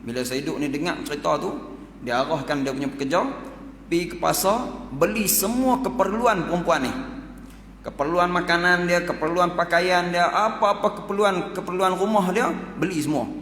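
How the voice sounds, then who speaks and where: Casting: male preacher, northern Malay Kedah accent, lively storyteller, live in a reverberant mosque hall. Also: a little hiss or hum. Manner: animated, acts out characters' lines in shifting pitch. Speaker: ustaz giving a Ramadan talk. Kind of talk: storytelling sermon.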